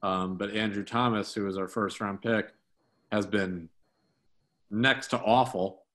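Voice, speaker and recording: A man with a fairly low voice co-hosts a casual sports talk show. He rambles, circling back with fillers and restarts as he works through his points. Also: fairly even intonation, unhurried, a bit bright. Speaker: sports podcast co-host.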